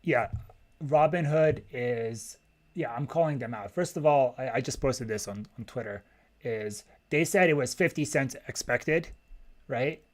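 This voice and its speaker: Speaking unhurriedly at a medium pitch, a man hosts a livestream where he acts as a macroeconomist. He offers casual live financial commentary and responds to viewers' questions, thinking out loud in clipped fragments with a blunt, opinionated edge.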